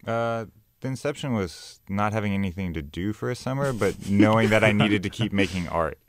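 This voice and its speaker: Deep, smooth-voiced young American man. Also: brisk, no echo, studio quality. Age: young adult. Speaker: interview guest, artist. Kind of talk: conversational radio interview. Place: small radio studio. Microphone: studio broadcast microphone, close.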